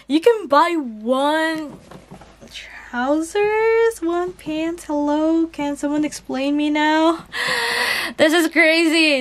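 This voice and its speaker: Seated indoors at a table, a high-voiced woman hosting a channel unboxes a lucky bag while nursing a cold. Her casual haul vlog voice-over is chatty and excitable, and she chuckles at the prices.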